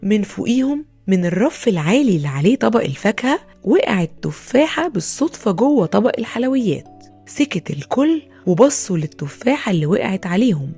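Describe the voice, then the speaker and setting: A woman with an Egyptian Arabic accent narrating a children's bedtime story in an expressive, soothing way. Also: mid-range voice, fairly quick, breathy edge, soft background music.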